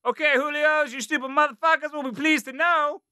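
A man voicing a gruff, stocky male Marine drill sergeant with a Brooklyn accent who barks profane, sarcastic orders. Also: very high-pitched, fairly even intonation, brisk, pushed and bright, dry recording, voice pushed up, exaggerated voice. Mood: bellowing, sarcastic.

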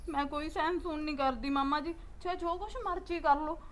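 A woman's voice: very high voice, a little fast, pushed and bright. A woman with a Punjabi accent playing a defiant young village woman who pleads and accuses her family. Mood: tearful. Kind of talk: village drama acting.

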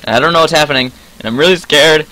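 Teen male gamer narrating his play, bright voice, easily frustrated, yelps and voice cracks. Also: on the high side, fast, poor audio. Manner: excitable, frustrated outbursts, voice cracks. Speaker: gaming channel host. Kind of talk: live gameplay commentary.

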